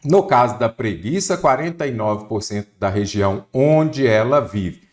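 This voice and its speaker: Lively-voiced Brazilian teacher from Minas Gerais. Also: male voice, medium pitch, moderate pace. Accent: Brazilian Portuguese, Minas Gerais. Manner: didactic, asks and answers his own questions. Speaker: Portuguese teacher for exam prep. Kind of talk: online exam-prep lesson.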